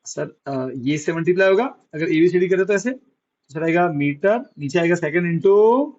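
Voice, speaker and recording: A man's voice: high-pitched, lively intonation, normal speed, a little mellow, lo-fi sound. A male science teacher, teaching a classroom physics lesson, coaxing students and answering his own questions.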